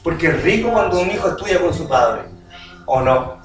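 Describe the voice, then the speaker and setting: Animated preacher in an echoey hall. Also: male voice, fairly high pitch, moderate pace. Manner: animated, asks the congregation "¿o no?" often. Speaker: pastor. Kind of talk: sermon. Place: church hall. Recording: echoey hall, distant mic, music behind.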